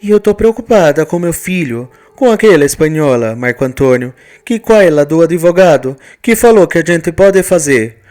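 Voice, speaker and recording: A man voicing a fiery, anxious Italian immigrant mother with an Italian accent, speaking high and insistent. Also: lively intonation, moderate pace, few pauses, mellow.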